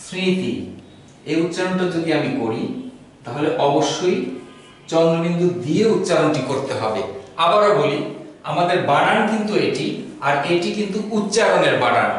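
A man gives a grammar lesson in a high-pitched voice, patiently spelling things out and saying example words over and over so they are pronounced right. He sounds far from the microphone in a very echoey room. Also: animated, a little hiss or hum. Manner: patient, repeats example words slowly to model pronunciation. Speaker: Bengali language teacher.

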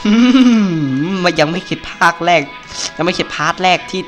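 A man's voice: high voice, level tone, moderate pace, fairly bright tone, soft background music. A young man hosting a live Let's Play, chatty and playful, joking and exclaiming as he plays. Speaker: gaming channel host. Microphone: home mic, recorded live over gameplay.

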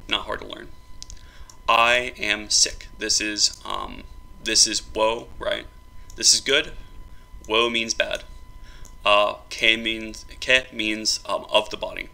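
A man explaining a phrasebook for his invented language, in a halting, casual way with many ums and restarts. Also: fairly low pitch, level tone, creaky, bright, forceful tone. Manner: halting, many ums and uhs, self-correcting.

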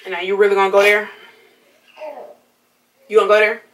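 A woman's voice: mid-range voice, monotone, fairly quick, fairly bright tone. A woman arguing heatedly with her partner, blunt and angry, repeating herself and threatening. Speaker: vlogger, prank target. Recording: distant mic with faint noise.

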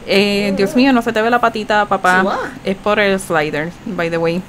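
Woman, gaming host, chatty running commentary with lively reactions, mid-range voice, faint hiss behind. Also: medium pitch, moderate pace. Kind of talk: casual gameplay commentary.

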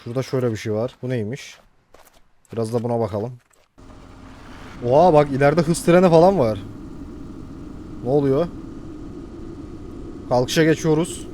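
A young man commentating casually on a video game he plays, excitable and joking with his viewers. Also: medium pitch, normal speed, long pauses, slight background noise. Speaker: gaming youtuber. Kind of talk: casual let's-play commentary.

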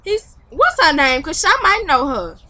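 Loud, laughing young woman on a webcam. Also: high-pitched, big pitch swings, a little slow. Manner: loud, laughing, teasing, slangy. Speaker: vlogger on a call with a friend. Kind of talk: casual chat. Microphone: computer webcam mic. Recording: noisy home webcam recording.

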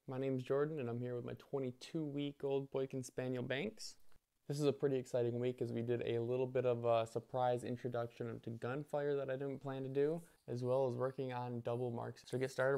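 Young male vlogger and dog trainer, gravelly yet smooth tone, easygoing outdoor chat. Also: mid-range voice, no echo. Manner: upbeat praise and commands to a puppy, calm asides to viewers. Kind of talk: casual vlog narration while training a dog outdoors. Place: outdoors at a park.

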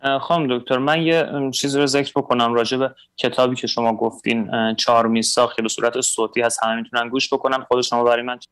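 A man's voice: mid-range voice, little pitch movement, few pauses, a bit bright, no echo. A male TV host who politely relays viewer questions, hesitant and full of fillers. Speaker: TV show host. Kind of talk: TV talk show hosting.

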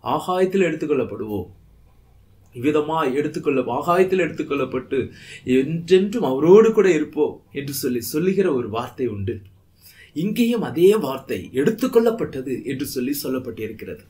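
Tamil pastor guy preaching, slightly high voice, reads scripture and builds up emphasis. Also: sing-song, fairly quick, dark tone. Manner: preaching with rising emphasis, reading scripture aloud. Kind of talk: sermon.

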